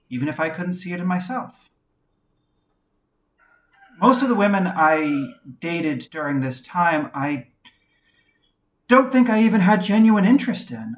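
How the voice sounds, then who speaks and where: Woman, reflective first-person narration, quiet and measured, candid, pauses often. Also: fairly low pitch. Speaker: video essayist.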